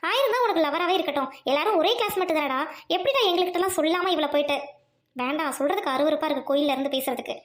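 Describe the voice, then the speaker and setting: A woman's voice: sits high, animated, racing, echoey room. A woman voicing a stern young female friend who speaks firmly and reproachfully, in an audio drama. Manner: firm, reproachful.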